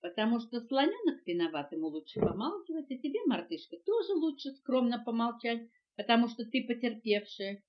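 A woman's voice: on the high side, very animated, a little fast. An older woman voicing a sensible, bossy male parrot who lectures in a matter-of-fact way, on a dull cassette tape recording. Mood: lecturing.

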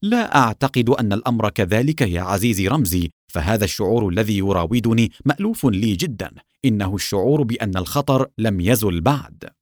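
Man doing a steady captain, low, firm and measured, dry sound. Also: no echo, lightly acted. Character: calm, resolute male intelligence captain.

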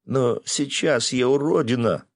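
A man's voice: on the low side, sing-song, normal speed, breathy edge, voice pushed up, full character voice. A man voicing a frightened, tearful young woman who wakes after a nightmare, speaking in anxious, breathless bursts.

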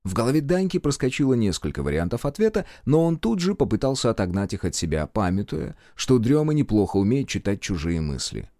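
Male narrator, low voice, lively intonation, dry close sound. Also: fairly quick, hardly any pauses, no echo. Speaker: audiobook narrator. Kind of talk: scripted fantasy narration.

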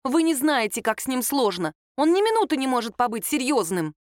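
A woman's voice: high-pitched, big pitch swings, brisk, no echo, studio quality, pitched above the performer's own voice. A woman doing Lera, a brash exasperated young woman. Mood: protesting. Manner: blunt, exasperated, rude outbursts. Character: young woman, brash, anxious, sharp-tongued.

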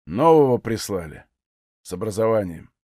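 A man's voice: very animated, moderate pace, dark tone, dry recording, studio quality. A man voicing a sullen, hot-tempered young Cossack officer who speaks in clipped lines. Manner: curt, low and clipped.

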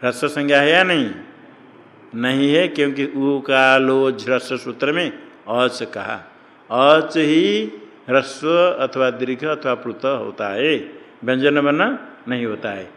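A man gives a classroom lecture on Sanskrit grammar at an ashram. He keeps putting questions to his students and then answers them himself. His mid-pitched voice trails off into the long echo of a hall. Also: a little slow, a bit bright.

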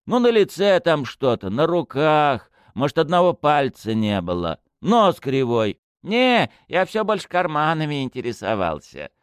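A whiny, cocky young male thief, pitched high and swinging wildly as he pleads in street slang. The voice sits close and dry, with a smooth tone. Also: sing-song, a little slow, few pauses, dry recording. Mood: cagey.

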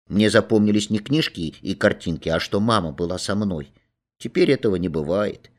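A man reading a children's story aloud with lively, expressive telling. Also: fairly low pitch, moderate pace. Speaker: reader.

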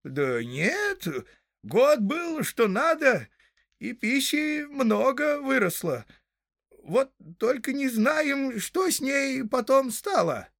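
A man voicing a fretful male hobbit villager in a storybook reading, with a slow, plaintive, complaining way of talking. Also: very high voice, sing-song, vocal fry, a bit bright, dry recording, clean studio sound, voice pushed up, exaggerated voice.

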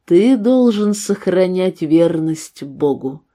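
A woman reading the part of a calm, patient young man who speaks gently but firmly. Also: lowish voice. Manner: calm, measured.

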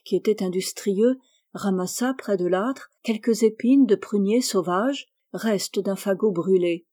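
A woman narrating a scripted storybook tale in a measured, gentle manner. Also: medium pitch.

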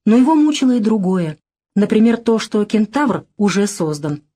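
Woman, audiobook narration, measured, even, mid pitch. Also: breathy edge. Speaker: audiobook reader.

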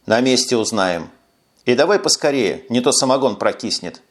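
Man voicing weary male police lieutenant, sarcastic, curt, mid-pitched, audiobook. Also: animated, normal speed, close to an everyday voice.

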